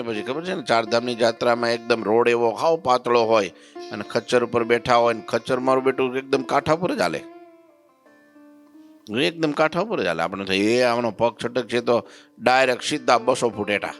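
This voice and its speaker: Male preacher telling a devotional story, chants verses, quizzes listeners, soft music under him. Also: mid-range voice. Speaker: religious preacher. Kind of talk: devotional katha sermon.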